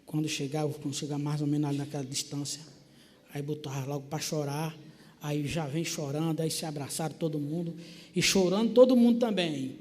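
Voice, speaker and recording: Man, church testimony, animated storyteller, long church reverb. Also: fairly high pitch, a little fast. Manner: animated storytelling, acting out family members' voices. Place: church filled with people.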